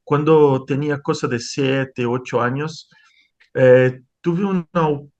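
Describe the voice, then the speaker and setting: Recorded in lo-fi sound, a Brazilian scientist answers a conversational interview in Spanish, his second language, with a Brazilian Portuguese accent. His medium-pitched voice is slow and a little mellow. He hesitates often, with many restarts and fillers.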